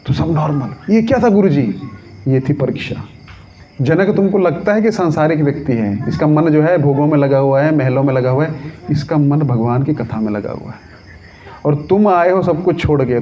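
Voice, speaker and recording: A man giving a devotional scripture talk, telling stories lively, acting out voices and asking his listeners questions. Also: fairly high pitch, slight background noise. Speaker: Gita lecturer. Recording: dull lo-fi recording.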